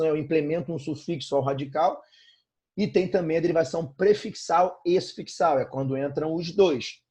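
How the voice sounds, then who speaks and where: A man's voice: a little high, a little mellow, slightly rough. A Brazilian man teaching an informal online grammar lesson, repeating points and checking in with frequent tag questions. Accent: Brazilian Portuguese.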